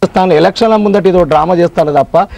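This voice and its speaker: An indignant man complains during a news interview. His voice sits high. He speaks for the local farmers. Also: fast talker, creaky, darkish tone, no room sound. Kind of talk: interview statement.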